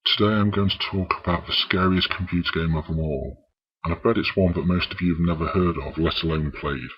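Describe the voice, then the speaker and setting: A man narrating a scripted retro video game review in a husky voice. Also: low-pitched, a little fast. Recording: dull, muffled lo-fi voice track.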